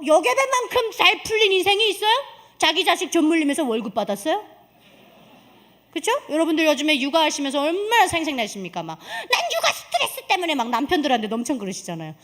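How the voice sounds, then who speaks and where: Woman, church testimony, emphatic, fairly high voice, lively swooping pitch. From North Korea. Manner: animated and emphatic, with rhetorical questions to the congregation. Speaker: guest giving a testimony in church.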